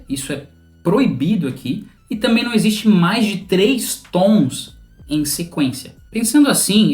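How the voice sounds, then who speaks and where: Addressing the viewer directly, a teacher with a Brazilian Portuguese accent works through music theory in a patient, methodical way, in a medium-pitched, slightly mellow voice. A faint instrumental drone sits under the roomy-sounding recording.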